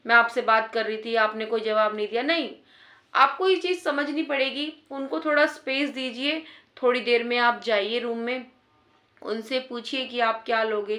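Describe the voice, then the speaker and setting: A woman's voice: high-pitched, bright, forceful tone, roomy sound. A woman giving earnest, repetitive advice in a casual talk to wives. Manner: earnest, repeats points for emphasis. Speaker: advice vlogger.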